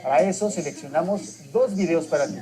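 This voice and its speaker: A narrator reading scripted instructions calmly to children. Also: mid-range voice, fairly quick. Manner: calm, instructive address to children. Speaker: program narrator. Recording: TV sound recorded by a home device, with music behind.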